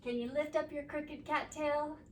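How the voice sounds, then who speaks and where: Female kids' yoga teacher, unhurried and sing-song, recorded at a distance in a roomy space. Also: high-pitched, fairly even intonation, a little hiss or hum. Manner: gentle, slow, sing-song prompts to children. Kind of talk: guided kids' yoga instruction. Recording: echoey room, mic at a distance.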